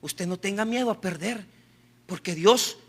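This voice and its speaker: A male pastor delivering an impassioned sermon, with a very high, bright voice. He bursts into shouts, then sinks to a quiet, earnest tone. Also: measured pace. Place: church.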